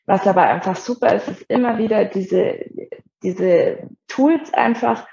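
A woman shares her own story in a soft, reflective way, stopping now and then to find the right words. Her voice has a steady, gravelly fry running through it. The recording sounds somewhat muffled and lo-fi. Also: mid-range voice, measured pace. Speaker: guest. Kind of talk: personal storytelling in a podcast conversation.

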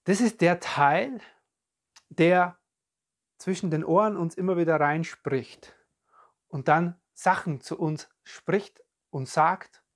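Calm self-help podcast coach. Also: mid-range voice, slow pace. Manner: calm, searching for words, repeats phrases. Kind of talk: reflective self-help talk addressed to the listener. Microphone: podcast and video recording.

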